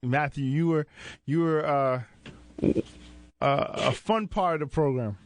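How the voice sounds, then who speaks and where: A man's voice: on the high side, unhurried. A man hosting a casual interview with his students as their youth mentor. He talks in an easygoing, encouraging way and often calls them "man" and "brother.". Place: indoor recording space at a sports arena.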